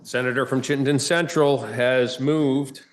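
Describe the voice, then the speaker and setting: A man presiding over a state senate, running votes in brisk, routine procedural phrasing. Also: mid-range voice, steady tone. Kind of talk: formal parliamentary procedure. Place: legislative chamber.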